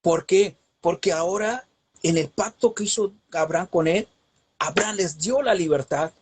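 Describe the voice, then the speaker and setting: A man's voice: high voice, moderate pace, a little mellow, husky. A man teaching a Bible lesson, preaching with an emphatic, rising cadence and rhetorical questions.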